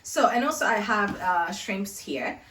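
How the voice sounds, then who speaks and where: A woman's voice: medium pitch, lively intonation, measured pace, a bit bright. A woman in her thirties from Tokyo with a Japanese accent, hosting a casual cooking demo in her home kitchen, chatty and rambling and laughing often. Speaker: cooking video host. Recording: echoey kitchen, mic at a distance.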